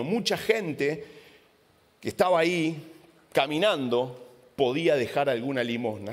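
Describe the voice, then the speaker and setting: A male preacher retelling a Bible story dramatically in a sermon. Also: medium pitch. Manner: dramatic, repetitive retelling with vivid sound words. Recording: long hall reverb.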